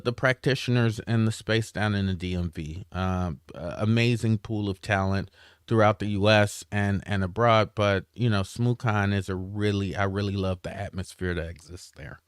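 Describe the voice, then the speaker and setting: Man, low voice, casual update to followers, halting with fillers, dry recording. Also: smooth, no room sound. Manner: halting, many fillers and restarts. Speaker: cybersecurity trainer giving a channel update.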